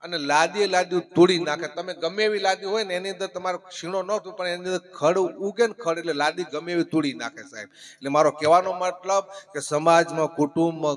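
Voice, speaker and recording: A young man with a Gujarati accent telling comic stories live on stage, animated and acting out the characters in his jokes. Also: fairly high pitch. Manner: animated, acts out quoted characters, shouts punchlines. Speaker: folk comedian and storyteller at a devotional music program.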